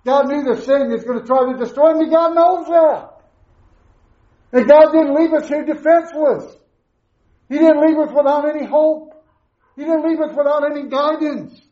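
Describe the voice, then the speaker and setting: A man's voice: extremely high pitch, steady tone, moderate pace. A middle-aged man preaching a sermon through a face mask, emphatic, with repeated questions and short answers. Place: echoey room, preaching to a congregation. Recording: roomy echo, slightly muffled sound.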